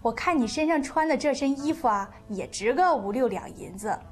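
A woman storyteller voicing a merry, teasing eccentric male monk who mocks people and sings slow folk ditties. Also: sits high, expressive. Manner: playful, mocking, sings a slow folk ditty.

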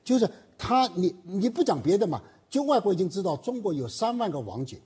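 A man hosts a political commentary chat, asking questions and arguing back. His voice is very husky and dark. His pitch swings widely as he speaks. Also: big pitch swings, fairly quick. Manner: leads the talk with questions and rebuttals. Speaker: host.

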